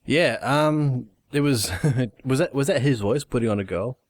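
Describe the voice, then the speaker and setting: A man co-hosting a casual podcast, giving brief, low-key replies. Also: unhurried, no room sound. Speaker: podcast co-host.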